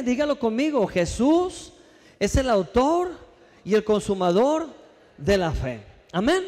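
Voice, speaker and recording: A male pastor preaching a sermon in a church, with lively rhetorical questions and calls for the congregation to answer. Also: high voice, long reverb tail.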